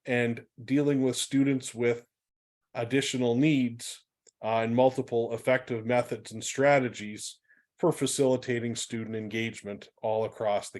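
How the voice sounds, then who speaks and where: A man's voice: mid-range voice, a little mellow. A man hosting an online webinar, giving friendly, upbeat introductions of the speakers with a few fillers. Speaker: webinar host.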